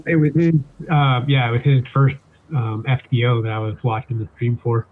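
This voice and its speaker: A man's voice: mid-range voice, steady tone, moderate pace, a little hiss or hum. Muffled man, as if through a wall. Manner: laid-back, hesitant with fillers. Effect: muffled, as if heard through a wall. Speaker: fellow streamer in voice chat. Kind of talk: casual chat. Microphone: headset mic over voice chat. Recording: muffled phone-like voice chat.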